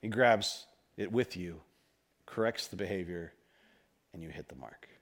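A man preaching a conversational sermon, mixing folksy stories and self-deprecating humor, rising to loud emphasis and dropping to quiet asides. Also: low voice, animated, a little slow, husky. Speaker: pastor.

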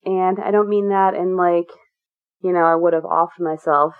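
A woman's voice: on the low side, fairly even intonation, moderate pace. A woman being interviewed as a guest, talking candidly and at length, with many fillers and restarts. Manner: earnest, rambling with many fillers. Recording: tinny phone-like line.

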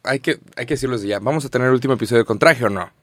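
A man's voice: medium pitch, very fast, fairly bright tone, no echo, clean studio sound. A young man with a Mexican accent co-hosting a casual podcast, slangy and chatty, telling stories. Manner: slangy, storytelling, laughs often. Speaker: podcast co-host.

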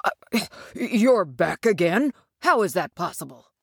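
A woman voicing a fussy male city gate guard who speaks hesitantly and slowly. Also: on the low side, big pitch swings, creaky, breathy edge, no echo, clean studio sound, exaggerated voice. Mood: surprised.

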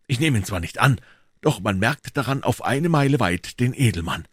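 A man's voice: mid-range voice, animated, normal speed, slightly rough, no echo, studio quality, pitched above the performer's own voice. A man reading aloud, voicing a gracious, noble male musketeer with a dignified manner.

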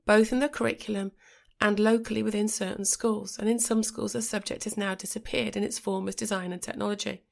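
A middle-aged woman hosts a podcast, her voice croaky and gravelly with fry as she gets over a cold. She talks in a measured, reflective way at a middle pitch, now and then restarting a phrase. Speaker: podcast host. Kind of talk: scripted podcast monologue.

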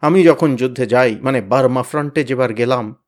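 A man voicing a bossy, blustering teenage boy who leads his gang, loud, threatening and boastful. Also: mid-range voice, a little fast, natural voice. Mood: boasting. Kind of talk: storybook reading.

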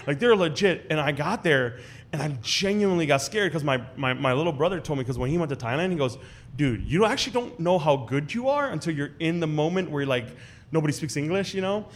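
A man guest, from the United States, telling animated stories at a live show, full of "like" and "you know". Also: a little high, brisk. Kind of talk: animated storytelling.

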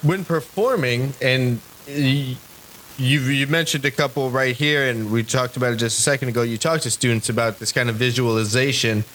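A man's voice: mid-range voice, normal speed, a bit bright, slight background noise, rough recording. A man hosting a podcast, asking questions and chatting casually with a musician guest. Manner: brief affirmations, musician shop talk. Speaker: podcast host. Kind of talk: interviewing, casual chat.

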